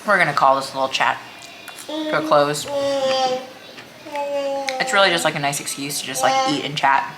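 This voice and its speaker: A woman's voice: sits low, big pitch swings, moderate pace, long pauses, background noise. A woman chats casually over a meal, rambling hesitantly and leaning on "like" as a filler. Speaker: vlogger. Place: small room at home, indoors.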